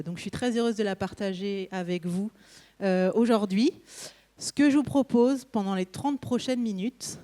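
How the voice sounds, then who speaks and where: Mellow woman hosting on stage. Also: medium pitch. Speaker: conference host and interviewer. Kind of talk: spontaneous stage presentation and interview.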